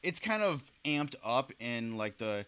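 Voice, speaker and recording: A man's voice: medium pitch, big pitch swings, unhurried, fairly bright tone, smooth. A man interviewing a guest in a casual chat, leaning heavily on "you know" and "like" as he frames his questions. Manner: leans on "you know" and "like" fillers. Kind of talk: casual conversation.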